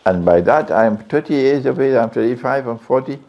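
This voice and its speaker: Animated and fairly quick, a male Islamic preacher with a mid-range voice delivers a religious lecture to a live audience, quizzing them and repeating key phrases. The recording from the venue sounds dull and lo-fi.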